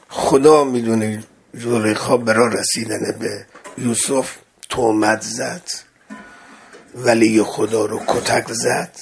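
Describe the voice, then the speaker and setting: A man preaching a religious sermon, telling a story and acting out the dialogue with sudden swings from loud to hushed. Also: medium pitch, a little hiss or hum. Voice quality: gravelly and husky. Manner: dramatic swings of loudness, acts out quoted dialogue.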